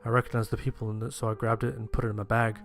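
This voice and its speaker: Racing through his lines in a fairly low, natural voice with little pitch movement, a man plays an anxious, sheltered young survivor telling his own story straightforwardly. The mood is tense, and music sits under the voice.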